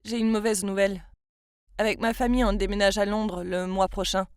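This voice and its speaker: A woman voicing a kind, protective schoolboy of about twelve, blunt when scolding and halting when shy. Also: medium pitch, level tone, clear, resonant tone, dry recording, studio quality, close to an everyday voice. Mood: sad.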